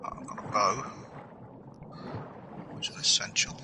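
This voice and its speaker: A man chatting casually while gaming, laid-back and halting, often breaking off and restarting his sentences. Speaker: gamer chatting during play. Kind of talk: casual chat. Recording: noisy voice chat recording.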